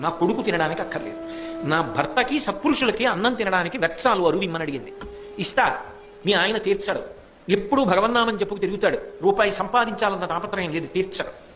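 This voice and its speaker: A man's voice: expressive, fast talker, a bit bright. An older man giving a devotional discourse. He speaks straight to his listeners and tells a story, acting out its dialogue in changing voices. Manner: addresses listeners directly, acts out quoted dialogue with shifts in pitch. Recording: clear music bed under the voice.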